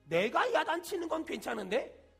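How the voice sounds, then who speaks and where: A man, a senior pastor, preaching a sermon with emphatic call-and-response and shouted peaks. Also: very high-pitched, very animated, moderate pace, creaky, faint music behind.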